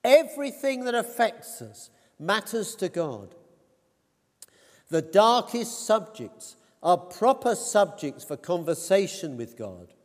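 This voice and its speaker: A man with a high, light voice preaches a sermon at an unhurried pace. He speaks in a measured, deliberate way, lifting his voice on quoted cries. His words ring with the long reverb of a large church hall.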